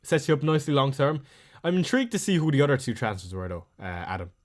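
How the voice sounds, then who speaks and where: Running a casual live fantasy football stream, a very animated man with a strong Irish accent chats in an easygoing way. He reads out viewer questions and fires back short, quick answers. His voice is middling in pitch for a man and recorded close on a desk mic.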